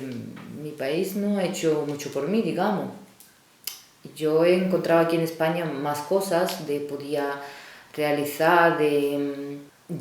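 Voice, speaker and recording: Interviewee: low-pitched Ukrainian woman in her 40s, non-native speaker, hesitant storyteller, very echoey room. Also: darkish tone. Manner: hesitant, with frequent fillers and restarts. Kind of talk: personal storytelling.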